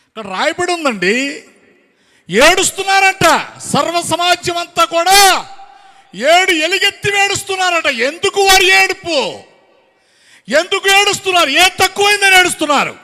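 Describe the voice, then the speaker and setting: A man preaching an impassioned sermon to his congregation, firing off rhetorical questions and breaking into shouts. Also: very high voice, expressive, moderate pace, pauses often. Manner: addresses the congregation directly. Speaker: pastor. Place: church hall with congregation. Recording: long hall reverb.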